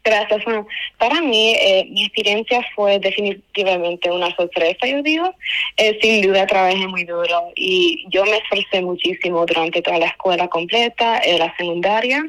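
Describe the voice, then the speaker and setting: A young woman from Spain, raised in a Cuban family and speaking with a Cuban accent, answers interview questions as a student award winner. She's earnest and wordy and keeps correcting herself, in a mid-range, slightly bright voice at normal speed. The recording quality is low.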